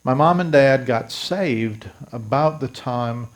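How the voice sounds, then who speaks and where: A man's voice: medium pitch, takes it slowly. A pastor in his fifties from South Louisiana, telling his life story to a congregation in an earnest, direct way. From South Louisiana, USA. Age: 50s. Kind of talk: testimony sermon.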